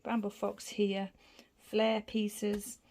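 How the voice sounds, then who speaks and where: A woman's voice: medium pitch, completely flat delivery, very slow, a little mellow. A woman casually showing her scrapbook layouts, rambling from one piece to the next as she describes the materials. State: out of breath. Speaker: scrapbooking vlogger. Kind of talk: casual craft show-and-tell.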